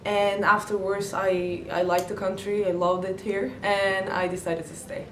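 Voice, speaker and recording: A woman's voice: medium pitch, level tone, unhurried. A woman from Turkey, a law graduate talking personally in an interview. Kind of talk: casual interview answers. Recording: echoey room, distant mic, noisy.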